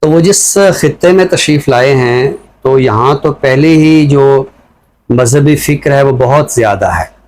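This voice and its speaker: A Pakistani-accented scholar appears as a commentator on a talk show, thoughtfully and calmly laying out his ideas while keeping things conversational. His mid-range voice sounds a little mellow.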